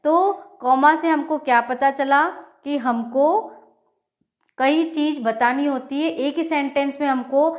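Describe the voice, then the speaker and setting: Slow, patient woman teacher, high voice. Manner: slow, explaining patiently, reading examples aloud word by word. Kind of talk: grammar lesson for children.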